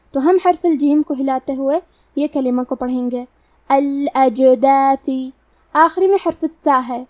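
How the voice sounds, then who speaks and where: A woman teaching a tajweed lesson, carefully explaining pronunciation rules and reciting verses slowly. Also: high-pitched, dark tone, no room sound, distant mic.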